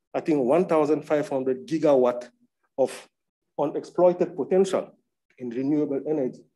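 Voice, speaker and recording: A man's voice: a little high, mellow, low-quality recording. A man from Cameroon moderating an academic panel and presenting slides in a conversational way, often adding tag questions, over a video call.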